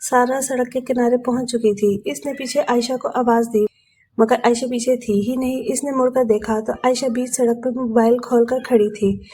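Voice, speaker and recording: A woman narrating a romance novel in a steady, even storytelling manner. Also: on the high side, a little hiss or hum.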